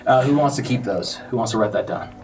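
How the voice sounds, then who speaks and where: A man plays a tabletop game in casual, conversational speech. He has a middling pitch and sits a little away from the mic, with clear music behind him. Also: fast, recorded from a distance.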